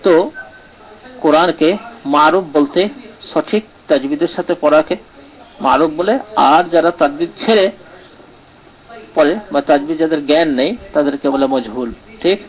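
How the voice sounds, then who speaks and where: Male teacher, slightly higher voice, patient step-by-step explainer, keeps asking "right?". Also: moderate pace, long pauses, rough recording. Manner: explanatory, checks in with "right?" often. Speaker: Quran recitation teacher. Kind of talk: live online lesson answering comments.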